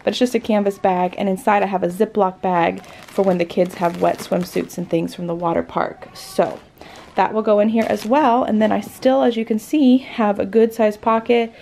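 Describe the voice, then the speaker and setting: Casting note: woman in her thirties, vlogger voice, creaky low edge, easygoing itemizing patter, faint room noise. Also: fairly even intonation, normal speed, mellow. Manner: chatty, lists items while packing. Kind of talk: casual packing vlog narration. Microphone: camera pointed down at items, speaker off-screen.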